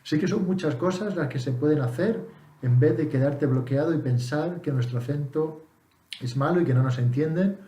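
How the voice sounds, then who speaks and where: Relaxed Spanish man teaching in an echoey room. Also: a little high, normal speed, a little hiss or hum. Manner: relaxed, thinking aloud with many fillers and restarts. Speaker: English teacher. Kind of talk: casual spoken lesson.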